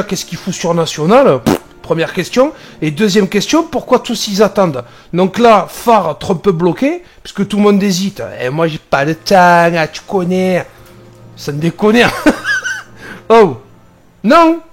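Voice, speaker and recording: A man's voice: high-pitched, moderate pace, soft background music. A man driving a truck in France, commenting on the road in a joking, exasperated way. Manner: joking, animated, exasperated at other drivers. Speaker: truck driver. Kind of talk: casual dashcam commentary.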